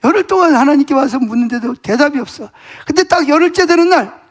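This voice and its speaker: A man's voice: very high-pitched, quick pace. A middle-aged man preaching in a church, telling a story from the pulpit and acting out the conversations in it. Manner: animated storytelling, acting out dialogue with God and others. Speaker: pastor. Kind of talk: sermon with storytelling. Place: church sanctuary.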